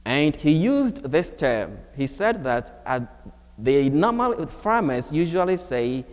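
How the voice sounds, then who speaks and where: Slow-preaching priest in a church. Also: male voice, sing-song. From Ghana. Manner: slow, measured preaching with wide swings of pitch. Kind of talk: homily at Mass. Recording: long church reverb.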